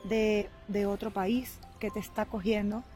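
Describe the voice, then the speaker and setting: A young Venezuelan woman with a Venezuelan Spanish accent is a guest in a relaxed street interview, standing in a city park and holding a handheld mic. Her mid-range voice is mellow with fairly even intonation, and faint music plays behind her. She answers thoughtfully, in a measured and earnest way.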